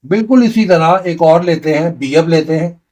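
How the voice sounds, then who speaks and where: A man's voice: a little high, normal speed, mellow. A man teaching a beginner language lesson, patiently repeating each sound step by step. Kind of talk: slow explanatory lesson.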